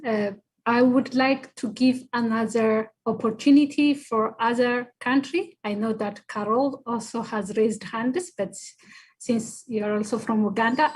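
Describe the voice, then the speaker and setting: A woman's voice: on the high side, breathy edge, rough recording. A woman moderating an online workshop over a video call, polite and hesitant with many fillers.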